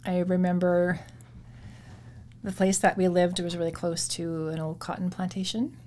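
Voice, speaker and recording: Chatty woman guest with soft asides. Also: lowish voice, level tone, moderate pace, slight background noise. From born in Georgia, USA, raised in Saskatchewan, Canada. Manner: chatty, laughs often, drops into soft breathy asides. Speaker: interview guest. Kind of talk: casual conversational interview.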